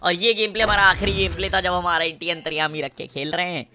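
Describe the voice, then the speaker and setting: A man with a Kanpur Hindi accent commentating his mobile gameplay, with swaggering, crude trash talk and shouts at enemies. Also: high voice, fairly even intonation, fast talker, faint music behind. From Kanpur, India. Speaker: mobile gamer.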